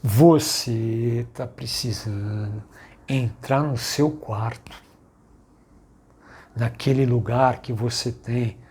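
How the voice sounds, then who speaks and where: A man giving a heartfelt devotional reflection as host, dropping to soft hushed words now and then. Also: mid-range voice, extremely slow, breathy edge.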